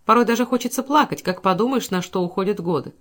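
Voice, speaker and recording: A woman's voice: medium pitch, fast, natural voice. A woman reading a plaintive young coquette.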